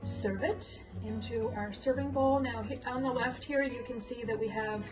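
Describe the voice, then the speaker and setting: A woman's voice: fairly high pitch, fairly even intonation, normal speed. A woman hosting a home cooking video, chatty and upbeat, talking viewers through a recipe as a casual tutorial. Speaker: cooking channel host. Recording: music playing underneath. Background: background music.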